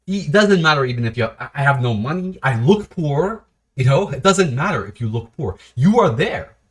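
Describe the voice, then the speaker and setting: An animated man talks unscripted to camera for his own video series. His pitch swings widely from low to high as he rambles along. He keeps restarting his sentences and breaking off with short laughs. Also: normal speed. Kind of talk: casual unscripted monologue.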